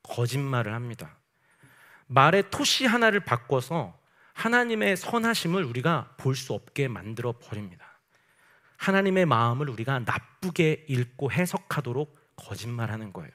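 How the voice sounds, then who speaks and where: A man's voice: medium pitch, big pitch swings, moderate pace, bright, forceful tone. A man preaching a night sermon as pastor, emphatic and asking the congregation rhetorical questions. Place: church service at night.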